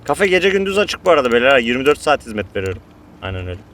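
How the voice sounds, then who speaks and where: A man giving profane, excitable gameplay commentary to his viewers as a streamer. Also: medium pitch, racing, a little hiss or hum.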